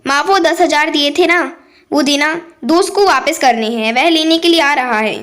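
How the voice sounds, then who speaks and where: A woman's voice: high-pitched, normal speed, fairly bright tone. A woman voicing a young adult son who talks with worried urgency in a storybook tale.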